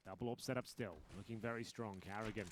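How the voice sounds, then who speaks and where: A man working as an esports caster, giving live play-by-play commentary that moves between measured analysis and excited calls. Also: lowish voice. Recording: clearly noisy, game gunfire behind. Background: video game gunfire.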